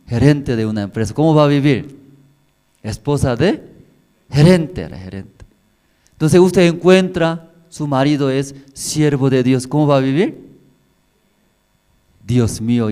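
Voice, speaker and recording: Man, pastor, sermon, very slow delivery, mid pitch, broken simple phrasing, rhetorical questions to the congregation. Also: warm tone.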